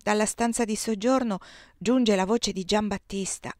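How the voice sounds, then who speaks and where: A woman reading a first-person novel aloud as an audiobook, in a measured, expressive way. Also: mid-range voice, no room sound, studio quality. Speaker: audiobook reader.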